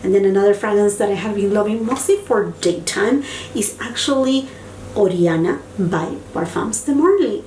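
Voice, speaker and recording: In an echoey room with a faint hum, a woman whose first language is Spanish reviews beauty products casually as a vlogger. Her medium-pitched, darkish voice moves at a normal speed and is picked up from afar, and she gushes, doubling up words for emphasis.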